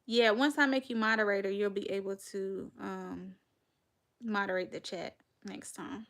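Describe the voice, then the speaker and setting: A woman in her thirties with a Southern North Carolina accent chats on a livestream podcast. Her voice has a gravelly edge, and she talks straight to her viewers as y'all. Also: mid-range voice, fairly even intonation, moderate pace, fairly bright tone. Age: 30s. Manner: chatty, addresses viewers as y'all, laughs often. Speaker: podcast host. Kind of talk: casual livestream chat.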